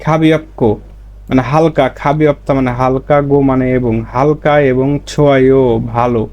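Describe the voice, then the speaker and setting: A man's voice: mid-range voice, steady tone, moderate pace, darkish tone. A man teaching Korean grammar, explaining each word and then repeating it in his own language. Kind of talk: explaining lessons.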